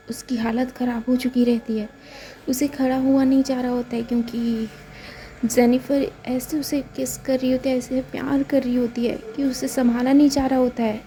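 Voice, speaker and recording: A woman's voice: high voice, dark tone, poor audio. A woman with an Indian accent casually narrating a romance story, repeating fillers as she goes. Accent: Hindi-speaking Indian. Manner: repetitive, filler-laden retelling.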